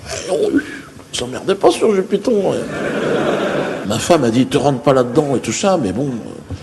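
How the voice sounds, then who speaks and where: A man's voice: medium pitch, very animated, moderate pace, vocal fry, background noise. A man telling a rambling, conspiratorial stand-up story, often laughing through his lines. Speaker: stand-up comedian.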